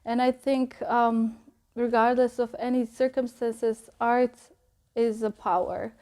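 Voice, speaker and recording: Woman, young adult, fairly high voice, reflective, pauses often with ums, interview answers. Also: level tone, mellow. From Bosnia. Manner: thoughtful, pausing often with ums. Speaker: artist interviewed about her exhibition.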